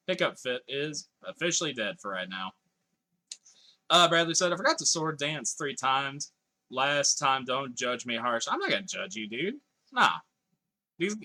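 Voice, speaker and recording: This male streamer's voice is mid-range, bright and pushed. As he plays a video game live, he keeps up a chatty banter, reads viewer messages out loud, and lets the occasional swear word slip.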